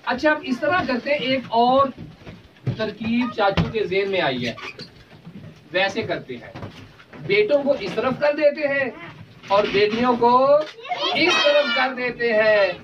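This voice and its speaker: A man's voice: very high-pitched, lively intonation, slow pace, pauses often. A man leading a children's celebration, coaxing and cheering the kids on as he calls out chants for them to repeat. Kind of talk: call-and-response chanting with children. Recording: distant lo-fi mic with loud crowd noise. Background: loud chattering children.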